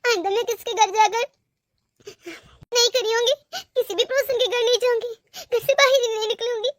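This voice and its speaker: A woman's voice: extremely high pitch, steady tone, a little fast. A woman voicing a timid, pleading young wife. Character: meek, put-upon young daughter-in-law. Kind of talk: cartoon story voice acting.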